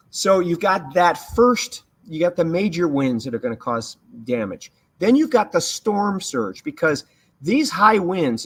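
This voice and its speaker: Higher-pitched man giving live hurricane commentary. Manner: emphatic, explanatory, repeats key points. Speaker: severe weather livestreamer.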